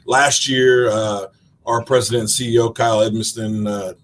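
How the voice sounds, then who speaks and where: A man's voice: on the low side, fairly even intonation, moderate pace, slight background noise. A man hosting an interview, asking friendly, loosely worded questions with fillers. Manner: friendly, filler-heavy, says y'all. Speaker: interviewer, tourism sales director.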